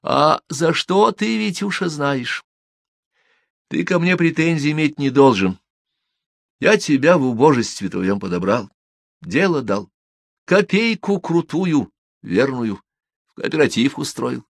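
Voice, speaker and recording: A cold, menacing gang boss, read by a man who drags out his threats in slow, gravelly phrases. His voice rises raised and lively through the threats. The audiobook sound is dry and close. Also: on the high side, no room sound, voice pushed up, exaggerated voice. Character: menacing middle-aged male gang boss.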